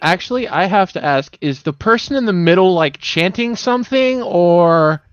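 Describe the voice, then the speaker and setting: Higher male player, casual, profane, dry sound. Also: animated, normal speed, no room sound, muffled recording. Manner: casual, swears a lot. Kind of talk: casual tabletop game chat.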